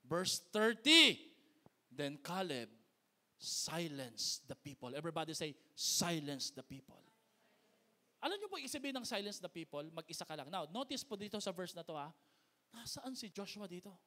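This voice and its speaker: A male pastor preaching a sermon to a congregation, mixing Tagalog and English, getting people to repeat words after him, and swinging from loud emphatic lines to hushed, near-whispered ones. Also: high voice, very animated, moderate pace. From Philippines.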